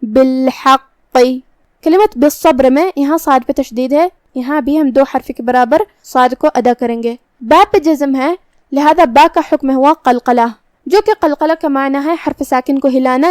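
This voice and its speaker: A woman teaching Quran recitation rules, calmly and methodically explaining how each letter is sounded. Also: high-pitched, dry recording. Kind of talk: tajweed lesson.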